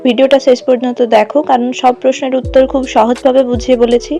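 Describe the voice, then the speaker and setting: A woman's voice: high-pitched, little pitch movement, quick pace, warm tone, faint music behind. A woman teaching a school lesson, reading each question aloud and then answering it step by step. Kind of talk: homework walkthrough lesson.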